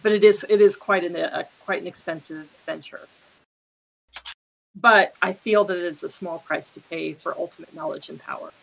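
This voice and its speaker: A woman's voice: lowish voice, steady tone, normal speed, gravelly, poor audio. A woman playing a tabletop game, speaking in character in an earnest, hesitant way with many fillers. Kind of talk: in-character role-play.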